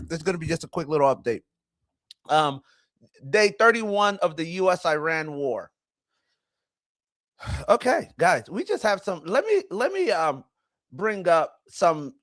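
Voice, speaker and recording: A man's voice: high voice, fairly bright tone, no echo. A man in his forties hosting a live stream, chatting casually and rambling with self-corrections as he greets viewers. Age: 40s. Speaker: livestream host. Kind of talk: casual livestream chat.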